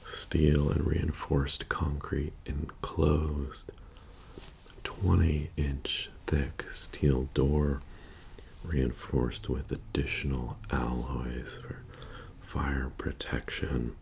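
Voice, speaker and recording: A man in an ASMR role-play as a methodical bank heist planner, speaking in a soft-spoken, halting and matter-of-fact murmur. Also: rumbling low, flat delivery, creaky, slight background noise, heavily acted. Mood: calm, methodical. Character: methodical male bank heist crew planner briefing his team.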